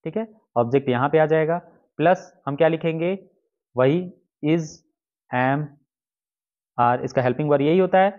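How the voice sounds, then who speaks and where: On the high side and at normal speed, this English teacher's voice pauses often as he walks through exam-prep grammar step by step. He writes out examples while repeating his own questions, and the lesson recording is dull and lo-fi.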